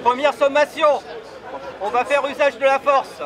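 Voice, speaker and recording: A man's voice: very high voice, steady tone, over a noisy crowd, very noisy. Male police officer warning through a megaphone. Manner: stiff, measured, repeating set phrases. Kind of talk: formal legal warning. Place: outdoors in a street.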